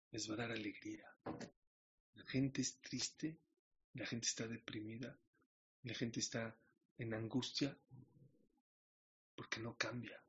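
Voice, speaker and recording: A man's voice: medium pitch, a bit bright, muffled recording. A man preaching a sermon, telling a parable and asking his listeners questions. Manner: storytelling with questions to the audience.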